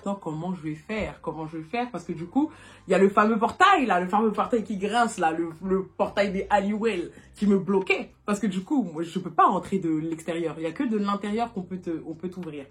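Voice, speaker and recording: A young woman from France telling a casual storytime to her viewers, animated and chatty, filling her talk with little asides and laughs. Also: fairly low pitch, fairly quick. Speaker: vlogger. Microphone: phone.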